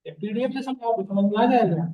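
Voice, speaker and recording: A man teaching a class, mixing English phrases into his Hindi and repeating key lines slowly for students to write down. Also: sits high, highs cut off. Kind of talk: classroom lecture.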